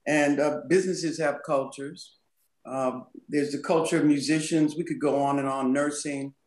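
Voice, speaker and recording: A woman's voice: low voice, steady tone, normal speed, a little mellow. A woman guest speaks in a thoughtful, emphatic way on a podcast and laughs easily. Her voice rings with plenty of room echo. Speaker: guest, culture and communication consultant. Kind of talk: podcast conversation.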